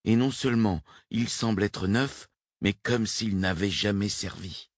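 A man reading the lines of a devout male cosmonaut, earnest and steady in his conviction. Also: on the low side, measured pace, no echo, studio quality.

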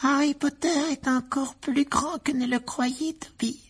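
A man voicing a small, excitable male house-elf with a high, squeaky voice, reading an audiobook. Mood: earnest. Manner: slow, emphatic, speaks of himself in third person. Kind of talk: audiobook character voice.

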